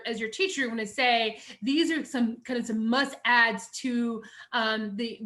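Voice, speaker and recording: In a recorded essay-writing lecture, a middle-aged woman chats her way through the material, sprinkling in fillers and plenty of "you know"s. Her voice sits a bit high, with a bright, forceful sound.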